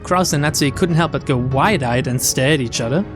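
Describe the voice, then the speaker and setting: With game music and rain sounds behind him, a man streams himself reading a visual novel dramatically, mixing in casual commentary. He speaks at medium pitch and a fairly quick pace.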